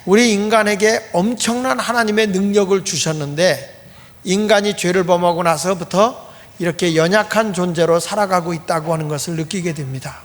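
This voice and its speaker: Middle-aged male pastor, high voice, plain repetitive sermon delivery, church hall reverb. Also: normal speed. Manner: plain, explanatory preaching with repeated emphatic phrasing. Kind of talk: Sunday sermon. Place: church sanctuary.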